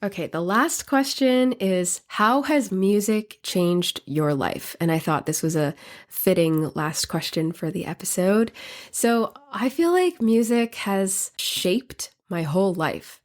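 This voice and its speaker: A woman's voice: mid-range voice, expressive, takes it slowly. A woman hosting her own podcast, talking earnestly and off the cuff while her voice is worn by illness. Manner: earnest, reflective, off the cuff with fillers. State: sick, voice affected by illness. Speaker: podcast host and composer. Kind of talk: casual solo podcast talk.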